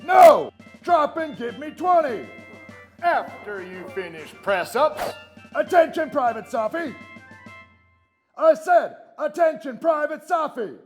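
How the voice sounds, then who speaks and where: An actor playing a strict male army drill sergeant who shouts commands at recruits. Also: very high-pitched, animated, exaggerated voice. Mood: commanding. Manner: shouted military commands, drawn-out emphatic delivery. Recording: long reverb with music underneath.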